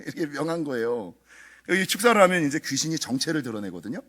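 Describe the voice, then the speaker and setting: A middle-aged male pastor preaching at a dawn prayer meeting, telling a story with animated delivery and acting out the dialogue. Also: on the high side, fast. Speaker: senior pastor.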